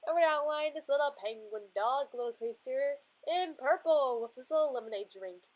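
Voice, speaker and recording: A woman's voice: high-pitched, animated, moderate pace, low-quality recording. A young woman chatting casually as she draws in a sketchbook, giggling often and calling everything little and cute. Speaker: art vlogger. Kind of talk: casual drawing narration.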